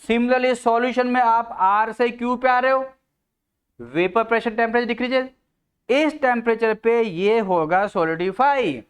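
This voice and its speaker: A man's voice: extremely high pitch, clean tone. A man teaching a chemistry class, speaking Indian English mixed with Hindi and calling students beta while explaining a board diagram. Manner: slow, deliberate board explanation with frequent pauses. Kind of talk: classroom lecture.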